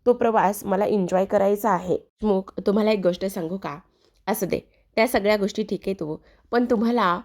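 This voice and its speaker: A woman's voice: mid-range voice, close to an everyday voice. A woman reading as Kavya, a playful teasing young wife. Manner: teasing, coaxing.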